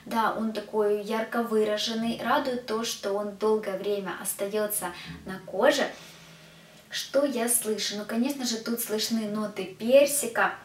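A woman reviewing body care products to camera in a chatty way, talking to her viewers as girls. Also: fairly high pitch. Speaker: beauty vlogger. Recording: echoey room, distant mic.

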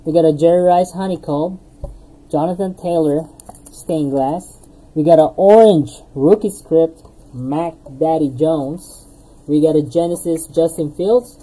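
Her voice is deep, mellow and a little breathy, and she talks a little slowly on a rough recording. She's hosting a live card break from an indoor streaming desk with card boxes, calling out player names while opening packs, chuckling at herself as her voice fades.

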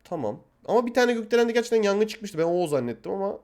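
A man hosting a casual live stream, animated, laughing often and thanking his viewers. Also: high-pitched, quick pace.

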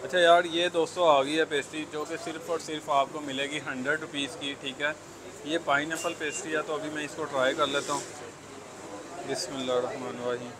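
A young man from Pakistan with a Lahori Urdu accent does a casual vlog walkthrough of a bakery, wearing a lapel mic amid the bustle. He speaks a little high, in a level tone and fairly quickly, keen and chatty with plenty of "yaar"s, in a rough recording full of crowd chatter and traffic.

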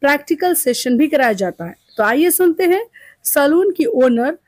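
A woman reporter narrating a promotional news segment with a lively delivery. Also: sits high, moderate pace, no room sound. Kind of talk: news narration and interview questions.

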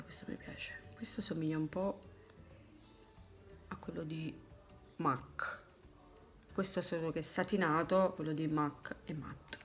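A woman from Italy talks through her makeup products in a loose, chatty way, often trailing off into quiet asides to herself. Her voice sits a little low. She is close to a phone in a small room at home, with clear steady noise and clicks behind her. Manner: chatty, thinking aloud while tidying products, drifting to low asides. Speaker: beauty vlogger. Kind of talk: casual makeup chat to camera. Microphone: phone camera close up.

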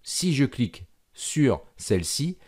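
A man teaching a software tutorial over a screen recording, talking with frequent fillers and restarts. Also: mid-range voice, very animated, slow pace. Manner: hesitant, many fillers and restarts. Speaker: programming instructor.

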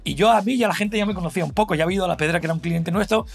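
High, gravelly Spanish man rambling animatedly. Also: very fast. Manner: rambling, animated, full of fillers and laughter. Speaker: guest telling an anecdote. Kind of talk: casual podcast storytelling.

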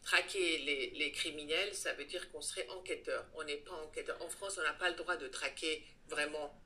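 A woman, speaking earnestly in an interview and pausing now and then to find her words. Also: low voice, steady tone, pushed and bright. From Iran. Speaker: guest, head of a child-protection association. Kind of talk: interview answers.

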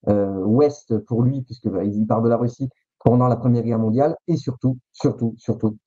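A man, a guest author, telling history stories in a halting way, often restarting his phrases and teasing suspense. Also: medium pitch, dark tone, slightly rough, no room sound, muffled recording. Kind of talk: storytelling history chat.

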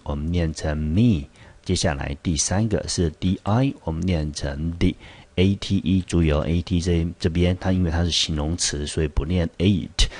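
Taiwanese-accented male English teacher, very low husky voice, patient explainer. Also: darkish tone. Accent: Taiwanese Mandarin. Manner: patient, explanatory, asks the class rhetorical questions. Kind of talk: vocabulary lesson explaining word by word.

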